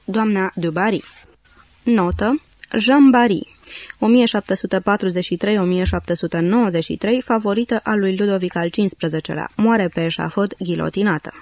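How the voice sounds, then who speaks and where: A woman reads an audiobook in a measured, dry way, taking one dictionary entry at a time. Her voice sits in a middle pitch, and the recording is very dry and close, with no room sound. She lowers her voice to round off each note. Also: darkish tone, no room sound. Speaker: audiobook narrator. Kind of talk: scripted audiobook reading.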